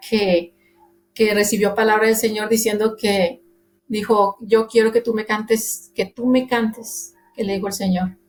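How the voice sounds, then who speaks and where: Speaking at a fairly high pitch with slight background noise, a Monterrey woman with a northern Mexican accent shares a sincere faith testimony during a church radio interview, her speech dotted with fillers and restarts.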